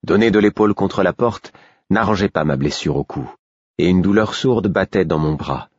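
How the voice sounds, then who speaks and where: A male audiobook narrator with a very low, husky voice, reading first-person literary prose in a measured, even way. The recording is close, dry, and somewhat dull. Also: no room sound.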